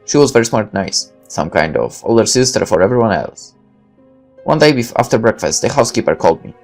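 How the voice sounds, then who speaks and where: Reading a visual novel aloud in the first person, a man delivers it dramatically at a slightly fast pace. His creaky voice moves through a lively pitch range, with faint music playing behind him.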